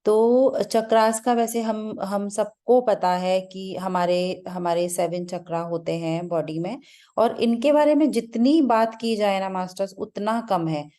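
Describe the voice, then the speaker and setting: A woman's voice: medium pitch, measured pace, dark tone. A woman speaking as a meditation teacher in a spiritual talk, searching for her words with many restarts and mixing in English terms. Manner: loose, searching, with frequent restarts and fillers.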